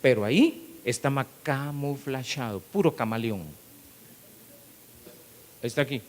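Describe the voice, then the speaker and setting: A middle-aged man, a pastor, preaching an animated sermon and acting out the people in his stories. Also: mid-range voice, unhurried. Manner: animated storytelling, acting out quotes, rising to loud emphasis. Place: church hall. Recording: long hall reverb with faint hiss.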